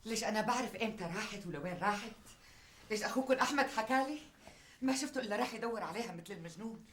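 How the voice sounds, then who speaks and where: A woman's voice: medium pitch, animated, rapid-fire, a bit bright, reverberant, a little hiss or hum, close to an everyday voice. An actress playing a scolding, exasperated middle-aged mother of grown sons.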